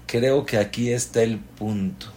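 A man's voice: mid-range voice, a little slow, a little mellow, a little hiss or hum. A man, a rabbi giving a Torah class as a sermon, impassioned and asking strings of rhetorical questions.

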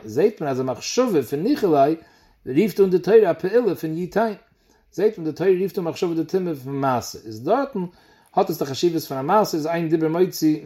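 A man's voice: on the high side, warm tone. Yiddish-accented man teaching Talmud. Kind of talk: Talmud lesson explaining a page.

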